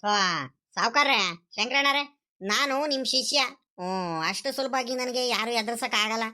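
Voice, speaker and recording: A woman playing an eager, loyal young male village sidekick in a comedy sketch, calling out loudly and grumbling to himself. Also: on the high side, unhurried. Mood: reassuring. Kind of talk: rural comedy sketch acting.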